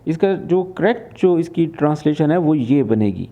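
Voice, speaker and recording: A man's voice: fairly high pitch, animated. A man from Pakistan teaching, patiently explaining and translating spoken phrases. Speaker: Arabic teacher. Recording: phone-like lo-fi voice.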